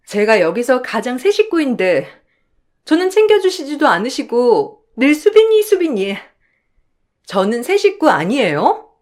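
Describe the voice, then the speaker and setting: A woman's voice: sits high, wildly swooping pitch, unhurried, darkish tone, full character voice. A woman voicing a jealous young in-law in a radio drama who whines and pleads. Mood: whiny. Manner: pleading, whining.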